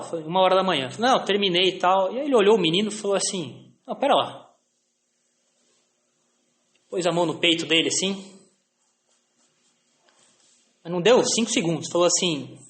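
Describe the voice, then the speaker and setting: High-voiced Brazilian man telling stories. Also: fairly bright tone, roomy sound. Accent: Brazilian Portuguese. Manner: anecdotal, frequent tag questions, self-deprecating. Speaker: lecturer.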